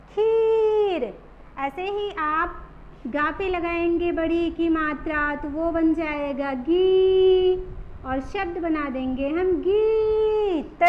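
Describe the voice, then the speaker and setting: High-voiced woman teacher drawing out words. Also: muffled recording, a little hiss or hum. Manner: drawn-out, stressed pronunciation of example words. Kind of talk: children's phonics lesson.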